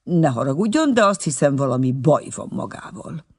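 A man's voice: a little high, big pitch swings, darkish tone, breathy edge, full character voice. A man voicing a stern, suspicious father questioning a young man, in an audiobook reading. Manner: stern, sarcastic.

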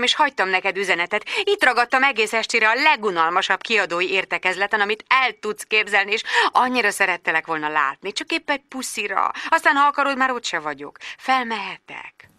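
A woman reading an audiobook voices a smooth, charming man who talks in a tender, very polite way. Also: mid-range voice, animated, bright, forceful tone, no room sound, clean studio sound. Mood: coaxing.

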